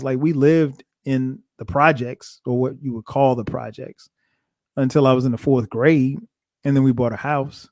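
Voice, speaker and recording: A man in his forties, a podcast host from South Carolina, casually telling his own story in a reflective, thinking-aloud way with frequent soft chuckles. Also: fairly high pitch, creaky, no echo, clean studio sound.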